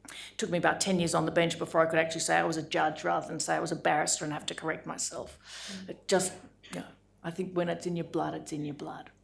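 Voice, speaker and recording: A woman, a judge giving a formal lecture in a measured, deliberate way with frequent pauses. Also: deep voice, little pitch movement, gravelly, slight background noise. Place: lecture room.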